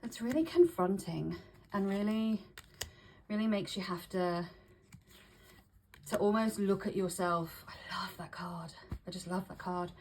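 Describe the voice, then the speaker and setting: A woman speaks in a breathy, slightly winded voice affected by hay fever, pitched a little low. She chats casually as a vlogger, circling back and repeating phrases as she goes. Faint noise sits behind the recording. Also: a little mellow. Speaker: vlogger showing tarot decks. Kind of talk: casual chat to camera.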